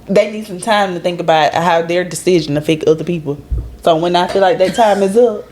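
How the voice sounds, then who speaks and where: A woman's voice: fairly low pitch, fairly quick, a little mellow. A woman co-hosting a casual podcast chat, blunt and stubborn. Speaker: podcast co-host.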